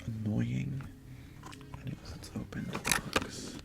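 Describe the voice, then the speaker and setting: Over music, a young adult Tagalog-speaking ASMR creator whispers a rambling, chatty talk from an indoor bedroom. The voice sits at medium pitch with little pitch movement and moves slowly, interrupting itself and bursting into sudden breathy exclamations.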